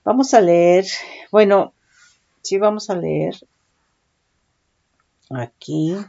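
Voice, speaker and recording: A woman's voice: on the low side, drawn-out words, creaky, dark tone. A woman preaching a sermon, often calling listeners "brother" and checking in with "right?". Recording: dull lo-fi recording.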